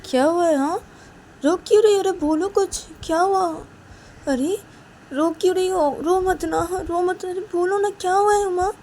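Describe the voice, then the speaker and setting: A worried young lover rushes to comfort a crying partner with repeated reassurances, as a woman narrator puts this role on. The voice jumps well above her usual pitch, loud and urgent, yet keeps a mellow warmth. This is a storytelling piece. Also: slight background noise. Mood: alarmed, consoling.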